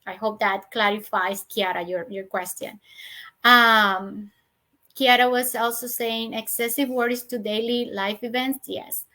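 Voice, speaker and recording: A woman's voice: a little high, steady tone, unhurried, bright, forceful tone. Earnest woman answering parent questions. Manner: earnest, repeats herself, many fillers and restarts. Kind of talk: live webinar Q&A.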